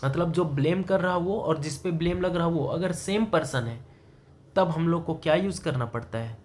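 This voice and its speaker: A man's voice: fairly high pitch, moderate pace, darkish tone, a little hiss or hum. Man teaching grammar by question and answer. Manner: asks the student questions and answers them himself; explains in Hindi mixed with English terms. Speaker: English teacher. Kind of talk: classroom grammar lesson.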